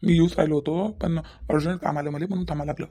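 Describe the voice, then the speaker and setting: A woman's voice: sits low, fairly even intonation, quick pace, warm tone, slightly rough. A woman voicing an evasive young man with a Vidarbha Marathi accent, pleading on the phone and promising to explain everything later. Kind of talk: cartoon voice acting.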